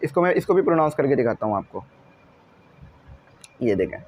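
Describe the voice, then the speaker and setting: A man teaching an English lesson, patiently repeating each word slowly so students get the pronunciation right. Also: medium pitch, sing-song, darkish tone. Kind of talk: classroom lesson walkthrough.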